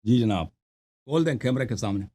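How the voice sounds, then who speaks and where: Animated insistent male debate host. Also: medium pitch. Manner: insistent, repeats demands, talks over the caller. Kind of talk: heated debate on a call-in show.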